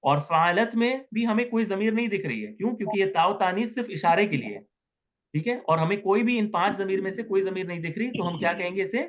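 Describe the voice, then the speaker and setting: Patient man teaching grammar, high voice. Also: lively intonation, fast, muffled recording. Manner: patient, repeats words, asks students questions. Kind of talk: online class lecture.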